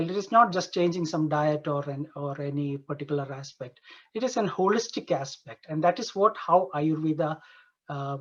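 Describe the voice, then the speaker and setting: Earnest and halting, an Ayurveda doctor from Dubai gives a casual conference talk, repeatedly restating and rephrasing his phrases. His high-pitched voice sounds pushed and bright, and the online conference recording is dull and lo-fi.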